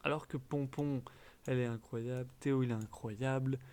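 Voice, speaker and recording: A young man chatting casually as a gaming video host, giving blunt quick verdicts with trailing fillers. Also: mid-range voice, fairly even intonation, a little mellow. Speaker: gaming YouTuber. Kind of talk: casual commentary.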